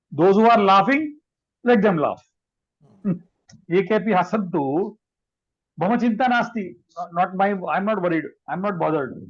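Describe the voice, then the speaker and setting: Man, high voice, patient grammar teacher, dull lo-fi call audio, keeps checking in with students. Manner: explanatory, checks in with a constant "right?", chuckles often. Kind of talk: online grammar class explanation.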